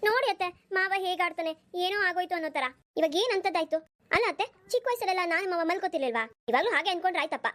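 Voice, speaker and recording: A woman's voice: very high voice, animated, racing, fairly bright tone. A woman voicing a teasing young cousin. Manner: teasing, innocent-sounding. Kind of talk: cartoon voice acting.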